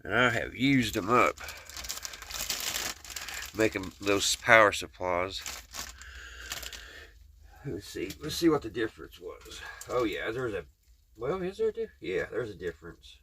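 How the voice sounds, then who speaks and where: This hobby repair channel host from Kentucky has a fairly low voice with big pitch swings, a slightly slow delivery with long pauses, and a pushed, bright tone, plus a little hiss or hum. He talks to viewers casually and plainly in a Kentucky Southern accent, rambling folksily as he works with his hands.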